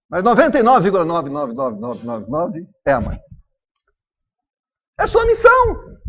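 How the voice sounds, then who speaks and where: Brazilian male pastor, lively high voice, dull lo-fi church recording. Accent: Brazilian Portuguese. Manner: animated preaching, acts out family dialogue. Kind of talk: sermon.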